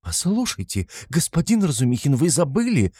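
A man's voice: on the high side, wildly swooping pitch, normal speed, dark tone, husky, dry recording, clean studio sound, pitched above the performer's own voice, heavily acted. A man voicing an anxious, timid older mother who pleads in alarm in an audiobook. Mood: pleading.

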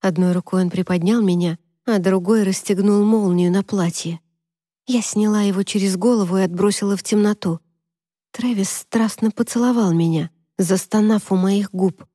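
A woman reading a first-person story aloud in steady, measured scripted narration on a close mic. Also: medium pitch, no echo. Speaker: audiobook narrator.

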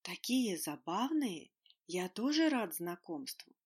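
A woman voicing a naive, friendly female dragon who asks wondering questions slowly in broken grammar. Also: lowish voice, big pitch swings, husky, full character voice. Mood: curious.

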